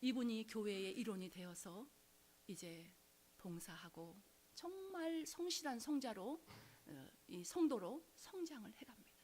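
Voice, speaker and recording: A woman's voice: on the high side, animated, a little slow, darkish tone, slight background noise. A woman preaching, telling a conversion story with dramatic swings into whispers and acted-out quotes. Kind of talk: sermon storytelling.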